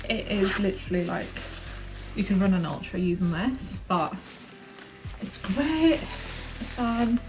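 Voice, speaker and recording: A woman's voice: mid-range voice, lively intonation, unhurried, music in the background, low-quality recording. A woman chatting informally and self-deprecatingly to camera as a running vlogger. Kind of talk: casual chat to camera.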